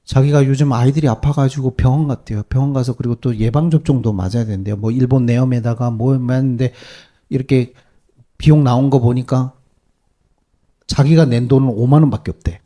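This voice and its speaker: A male pastor preaching a sermon to his congregation, animated and peppering them with rhetorical questions. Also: mid-range voice, a little fast. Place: church service.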